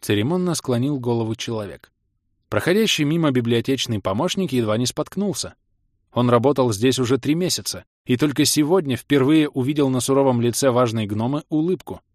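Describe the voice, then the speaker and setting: Steady male audiobook narrator. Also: mid-range voice, a little fast, no echo. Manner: steady, expressive reading. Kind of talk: scripted fantasy narration. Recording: dry studio voice-over.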